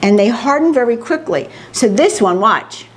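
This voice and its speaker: A woman's voice: on the high side, animated, normal speed. An older woman demonstrating a family recipe, explaining each step plainly and practically. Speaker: home cook demonstrating a recipe. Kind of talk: casual cooking demonstration.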